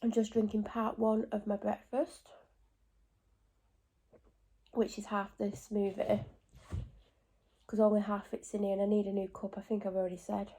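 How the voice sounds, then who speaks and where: A vlogger with a blocked-up cold talks through her morning at home in a loose, chatty video, her voice stuffy and congested. It sits mid-range with little pitch movement and a dark tone, and there's a faint hiss or hum. She rambles, dropping quick asides and correcting herself along the way.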